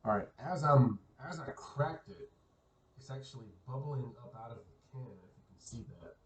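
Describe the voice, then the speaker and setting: A man casually reviewing a beer on his own, relaxed and musing, often repeating words as he thinks aloud. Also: mid-range voice, moderate pace, far from the mic, slight background noise, low-quality recording.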